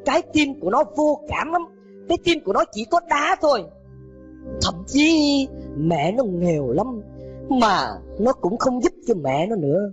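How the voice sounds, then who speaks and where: A man's voice: very high voice, big pitch swings, unhurried. A man teaching at a summer retreat, telling children an emotional moral story in a dramatic way. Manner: dramatic, addresses listeners as children. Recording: dull lo-fi with background music.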